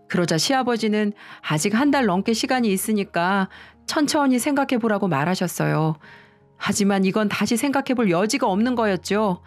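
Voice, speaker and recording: A woman tells a first-person story in a calm, confiding manner. Her pitch is medium and steady. Soft music plays in the background.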